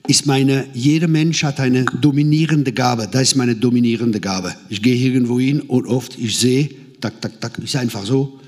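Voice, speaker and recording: A man preaching a sermon in a middle-pitched voice. He is animated and tells stories, and he slips into different voices when he quotes people. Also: normal speed, hardly any pauses.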